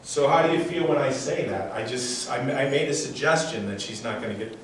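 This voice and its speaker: A man's voice: medium pitch, lively intonation, fairly quick. Intense mind reader, man in echoey room. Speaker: mind reader and stage performer. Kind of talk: live stage show, motivational talk with audience demonstration. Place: large echoey room before a live audience. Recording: very echoey room, distant mic, faint noise.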